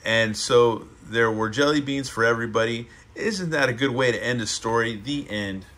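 A man's voice: medium pitch, normal speed, a bit bright. A man hosting a show, casually reading a children's book aloud with chatty asides. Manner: laid-back, chatty asides.

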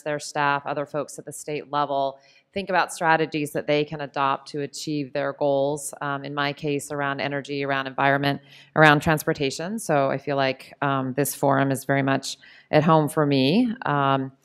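A middle-aged woman giving a prepared policy talk at a podium mic in a conference room, steady and earnest with frequent ums. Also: deep voice, clear, resonant tone. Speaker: panel speaker. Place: conference room on Capitol Hill. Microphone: podium microphone.

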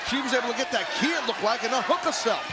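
A man's voice: very high voice, lively intonation, racing, heavy background noise. A man doing reactive color commentary on live wrestling, exclamatory and opinionated. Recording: loud music behind commentary. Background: loud music.

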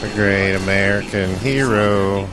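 A man's voice: lowish voice, fairly even intonation, a little slow, very noisy. A man giving casual, laid-back and boastful live commentary as he streams a game. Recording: loud game gunfire behind voice. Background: shooter game gunfire and explosions.

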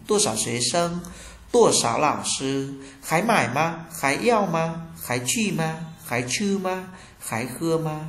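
A man's voice: fairly high pitch, fairly bright tone, reverberant. A Vietnamese man teaching a language lesson, reading short example phrases and translating each one.

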